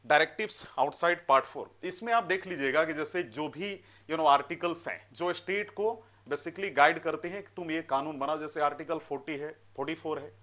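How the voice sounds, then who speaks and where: A man's voice: a little high, brisk, few pauses, pushed and bright. A man teaching an exam-prep lecture, directive and step by step, mixing English terms into his speech with frequent tag questions. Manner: instructive, mixes English terms into Hindi, frequent "है ना" and "you know".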